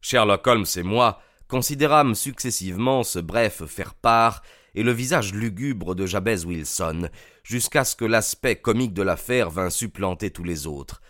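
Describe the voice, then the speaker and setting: A man narrating an audiobook in a measured, literary reading style. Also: lowish voice, a bit bright, dry recording, studio quality. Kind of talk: scripted narration.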